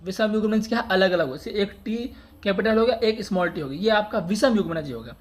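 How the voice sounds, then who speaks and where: A man teaching an exam-prep science lesson in a steady, drilling way. He asks a question, answers it himself and then repeats the key term for emphasis. Dialect words come through in his Hindi. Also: high-pitched, fast talker. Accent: Hindi dialect words (बड़का, छोटका).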